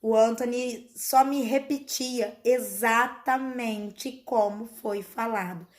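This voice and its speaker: A woman speaks to the camera in a casual vlog, explaining her child's story. Her voice sits somewhat high, and she keeps turning to her audience to stress what matters. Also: takes it slowly. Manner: earnest, explanatory, often calls out to her viewers.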